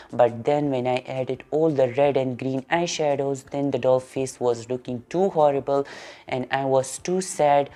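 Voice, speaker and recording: Deep-voiced Pakistani woman vlogger. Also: mellow. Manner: earnest, simple phrasing with repeated intensifiers. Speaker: doll artist answering viewer questions. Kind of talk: casual Q&A vlog.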